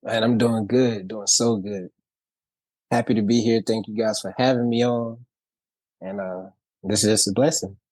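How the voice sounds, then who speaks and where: A man's voice: fairly low pitch, fairly even intonation, normal speed, a little mellow, no room sound. A man from Louisiana who grew up in Texas, telling his story as a podcast guest in an easygoing, upbeat way. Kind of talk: casual conversational storytelling.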